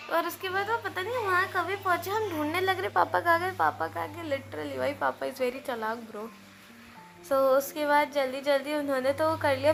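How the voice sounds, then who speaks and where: A woman's voice: high-pitched, a little hiss or hum. Chatty young woman vlogger. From India. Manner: chatty, mixes Hindi and English, excitable. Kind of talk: casual vlog voice-over.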